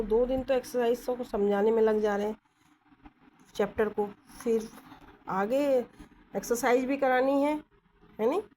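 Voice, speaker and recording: A woman teaching stenography in Hindi with English terms, explaining slowly and checking often whether her students follow. She holds her phone in one hand as she writes. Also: on the high side, a little mellow, slight background noise, low-quality recording. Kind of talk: Hindi-English shorthand lesson. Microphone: phone held in one hand.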